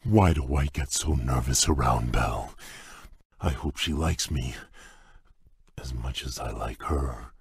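An actor playing a shy, gentle male beast prince in a game, talking in a halting, bashful way with a husky, rumbling voice. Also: no room sound, clean studio sound, full character voice. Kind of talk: game voice clips.

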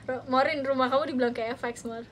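A woman's voice: sits high, fairly even intonation, fast, crowd noise. A young woman hosting a casual phone livestream from a friend's home, playful and teasing as she reads viewer comments aloud. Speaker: livestream host.

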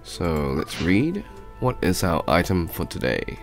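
With faint music behind him, a gaming YouTuber talks to his viewers in a low voice whose pitch swoops wildly. He plays a video game while commenting slowly and chattily, sounding sick and blocked up with a nasal cold.

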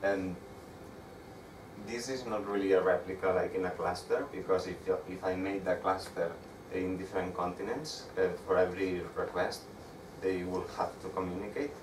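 A young man with a Spanish accent giving a meetup tech talk with slides, speaking haltingly with frequent restarts. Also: deep voice, steady tone. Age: young adult. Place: dark room with projector screen. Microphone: far camera. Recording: echoey room, distant mic, audible background noise.

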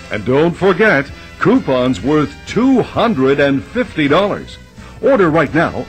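Man, home shopping host manner, scripted infomercial announcer, very lively intonation, emphatic lists, background music. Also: on the high side. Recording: music bed behind voice.

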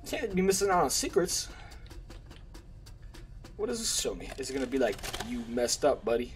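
A man's voice: high voice, big pitch swings, normal speed, slight background noise. A young man hosting a horror game let's play, chatting casually, swearing and getting scared. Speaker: gaming channel host. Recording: game music playing under the voice.

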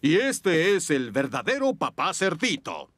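A man with a Latin American Spanish accent voicing a big, jolly, boastful daddy pig in a children's cartoon, slow and self-assured. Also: a little high, huge pitch swings, very noisy. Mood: good-humoured. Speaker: cartoon character. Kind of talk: animated children's cartoon dialogue. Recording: music bed behind dialogue.

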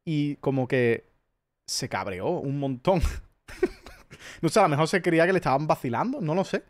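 Male Spanish streamer, slightly high voice, loose profane storytelling chat. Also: expressive, normal speed. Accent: Spanish from Spain. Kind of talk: casual chat.

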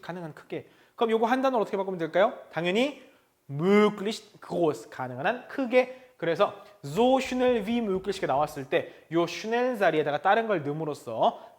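A man teaching a German lesson to Korean learners, asking questions and answering them himself. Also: high-pitched.

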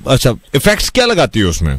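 A man's voice: mid-range voice, huge pitch swings, no room sound. A man with a Pakistani Urdu accent hosting a casual call-in radio show, teasing callers and dropping English phrases.

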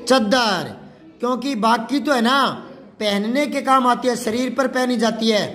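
A man's voice: very high voice, fairly even intonation, measured pace, fairly bright tone. A man teaching a children's class, patiently going through worksheet questions, asking the pupils and answering himself. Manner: spells out words syllable by syllable. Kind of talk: classroom lesson explaining a worksheet.

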